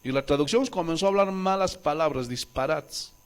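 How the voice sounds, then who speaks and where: A man from Bolivia preaching a sermon as pastor, animated, acting out voices and questioning the congregation. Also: on the high side, brisk, clean tone.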